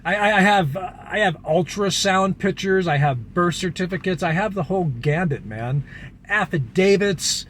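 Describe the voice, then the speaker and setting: A man's voice: sits high, normal speed, a little hiss or hum. A man, a vlogger from the United States, telling a long story in a casual, rambling way, full of fillers. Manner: rambling, filler-heavy, animated retelling.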